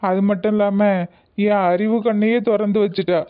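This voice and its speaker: An actor voicing an older village moneylender, talking in an earnest, pleading way. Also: male voice, high voice, little pitch movement, moderate pace, clear, resonant tone, lightly acted. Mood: remorseful. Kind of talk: cartoon voice acting. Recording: tinny phone-like audio.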